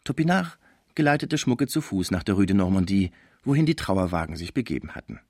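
A man reading a classic novel aloud as scripted narration in an expressive storytelling manner. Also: low voice, fairly quick, no echo, studio quality. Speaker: audiobook reader.

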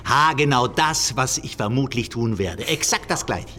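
A man's voice: medium pitch, expressive, normal speed, pushed and bright. A sneering, toying captor in a radio crime play. His voice rises and falls widely as he mocks his prisoner. A long room reverb and faint hiss sit behind him. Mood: mocking. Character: mocking male captor holding a man at a noose.

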